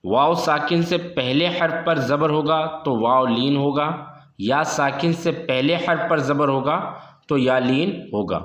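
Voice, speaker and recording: Man spelling syllables slowly, roomy echo. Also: fairly high pitch, a bit bright. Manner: patient, repeats syllables slowly and drawn out for the learner. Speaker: Quran reading teacher. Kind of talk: slow spelled-out recitation lesson.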